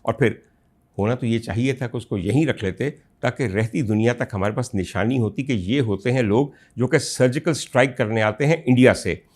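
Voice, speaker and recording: A man with a Pakistani Urdu accent hosts a political commentary show, addressing listeners as ladies and gentlemen in a rhetorical monologue that builds to loud, indignant outbursts. His voice is medium-pitched and brisk.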